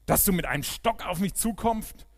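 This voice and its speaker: A mocking giant warrior bellows his scorn, voice pushed high and loud, as a preacher puts him on while reading scripture. It is a sneering, shouted taunt. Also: expressive, moderate pace, vocal fry. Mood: scornful.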